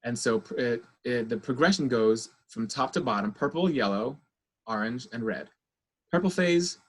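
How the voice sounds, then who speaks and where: Here a middle-aged child therapist with a medium-pitched voice is heard in a video-call parenting webinar. He combines a lecture with step-by-step guidance through breathing exercises.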